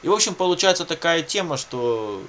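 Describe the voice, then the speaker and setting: A very animated man with a voice on the high side speaks a little fast and a bit brightly, with slight background noise. Russian is his first language; as a video blogger he tells viewers about his own circumstances off the cuff, meandering, repeating himself and using everyday catchphrases often.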